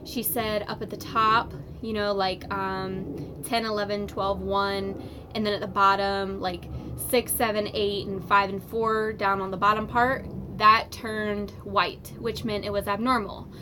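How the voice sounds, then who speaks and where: A young woman vlogger telling a personal story in a casual, chatty way, full of fillers and animated retellings. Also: mid-range voice, a little slow, noisy background.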